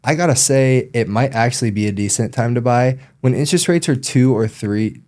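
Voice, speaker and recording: A man who works as a loan officer, explaining things in a relaxed podcast chat with frequent ums. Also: medium pitch, a little fast.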